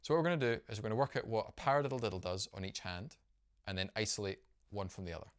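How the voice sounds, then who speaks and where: Drum teacher, man, lowish voice, friendly upbeat explainer who counts beats aloud. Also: fairly even intonation, racing, clear, resonant tone. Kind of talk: instructional video lesson.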